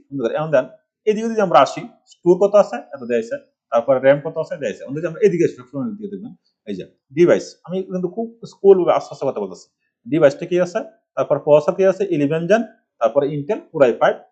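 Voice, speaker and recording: Fast-talking husky man teaching computers. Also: a little high, very animated, mellow, highs cut off. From Bangladesh. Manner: rambling, asks rhetorical questions. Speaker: computer course instructor. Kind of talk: screen-recorded computer tutorial. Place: village home.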